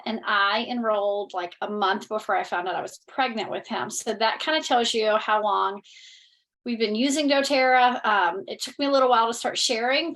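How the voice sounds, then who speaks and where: A woman's voice: on the high side, a bit bright, rough recording. A woman in her thirties from North Carolina with a Southern accent, candidly presenting on a webinar from home over a video call. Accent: Southern American. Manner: candid, blunt, chatty with many fillers. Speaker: network marketing leader.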